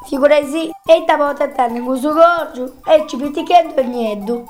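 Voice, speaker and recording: A woman voicing a mocking fennel seed, taunting slowly in a storybook. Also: high-pitched, darkish tone, soft background music, voice pushed up, close to an everyday voice.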